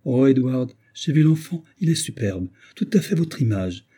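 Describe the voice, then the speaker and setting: A man voicing an older, fussy, motherly gentlewoman who talks in an effusive, doting way. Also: mid-range voice, lively intonation, moderate pace, breathy edge, voice pushed up.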